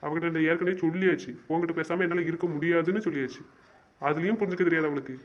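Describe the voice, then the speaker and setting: A young man performs as a wounded, stubborn lover in an amateur web drama, firing off frustrated complaints quickly, insistently and with exasperation, repeating himself. His natural voice sits a bit high for a man, and the audio is dull and lo-fi.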